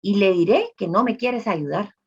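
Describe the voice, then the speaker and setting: A woman's voice: mid-range voice, lively intonation, moderate pace, a little mellow, husky. A woman voicing a desperate five-year-old boy who begs for a miracle in a pleading, urgent voice. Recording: dull lo-fi recording.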